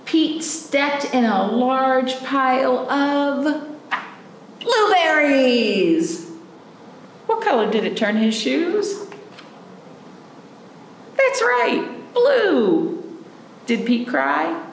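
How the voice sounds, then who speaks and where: A woman in her forties leads storytime like a children's librarian, talking with young children and reading a picture book aloud, asking simple, encouraging questions. Her high voice is very animated, with drawn-out words and long pauses. She's in a small indoor room a few feet from the camera, with roomy echo and faint background noise.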